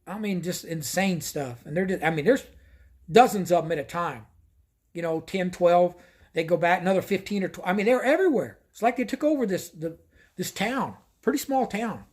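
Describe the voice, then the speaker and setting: High-voiced man telling a rambling story. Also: lively intonation, fairly quick, husky. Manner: rambling, repeats himself. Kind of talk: casual first-person anecdote.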